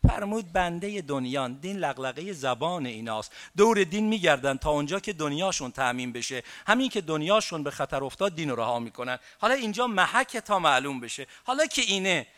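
A man delivering a mourning sermon, moving between hushed recital and loud emphatic preaching. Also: on the high side, very animated, hardly any pauses.

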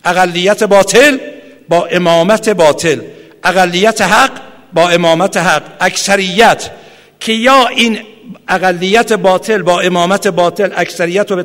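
A man delivers a fervent religious sermon in a high, bright voice. He chants Arabic quotations slowly and then pushes into impassioned appeals. His voice carries a long reverb from a large hall. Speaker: preacher. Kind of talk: Muharram sermon.

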